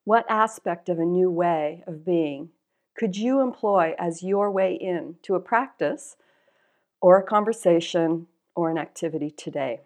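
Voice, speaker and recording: A woman coach giving a reflective spoken lesson, wry and self-mocking, in a measured way. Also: lowish voice, a little mellow.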